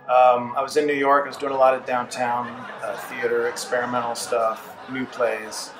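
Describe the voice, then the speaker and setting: A middle-aged man giving a reflective interview in a halting, thoughtful manner. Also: mid-range voice, level tone, fairly bright tone, slight background noise. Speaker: ventriloquist being interviewed. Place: small theatre dressing room. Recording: echoey room, faint music.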